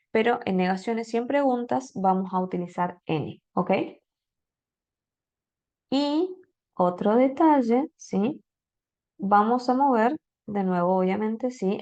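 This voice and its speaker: Woman teacher with a gravelly creak. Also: mid-range voice, a little mellow. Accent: Rioplatense Spanish. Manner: explains patiently, checks in constantly with "¿sí?". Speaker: English teacher. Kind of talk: online language lesson.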